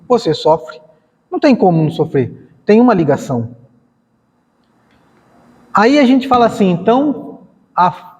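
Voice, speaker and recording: At a spiritist center, a man lectures conversationally, acting out dialogues and asking rhetorical questions. His voice sits high and slightly mellow, with long hall reverb on the recording.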